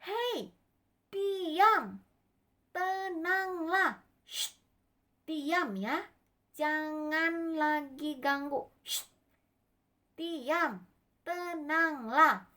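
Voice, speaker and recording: A calm, loving Jesus hushes the wind and gently chides his friends, as a woman storyteller plays him. Her voice stays fairly high and unhurried, soothing rather than stern. It is a figure in a children's Bible story. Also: exaggerated voice. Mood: soothing command. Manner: soothing, hushing, gently reproachful. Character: calm, loving adult male Jesus hushing a storm.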